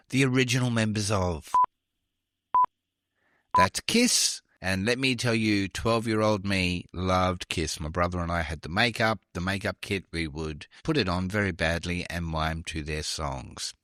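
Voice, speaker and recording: Chatty quiz host. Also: male voice, fairly low pitch, fairly bright tone, no room sound, clean studio sound. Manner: chatty, self-deprecating asides. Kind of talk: trivia podcast hosting.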